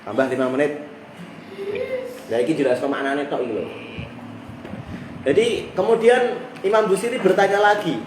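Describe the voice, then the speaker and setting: A man with a Javanese accent teaching a religious text study, reciting Arabic phrases and then explaining them in lively local speech. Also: high-pitched. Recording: echoey room, heard from a distance with background noise.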